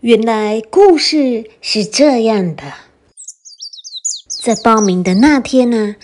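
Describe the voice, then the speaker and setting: Gentle woman reading a bedtime story. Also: on the high side, slow, a little hiss or hum. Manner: gentle, expressive children's narration.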